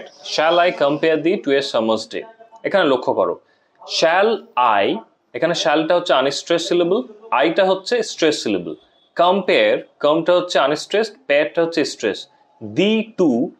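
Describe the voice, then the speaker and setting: Lively high-voiced man teaching poetry. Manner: explains step by step, repeats key words. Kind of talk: exam-prep lecture explaining meter.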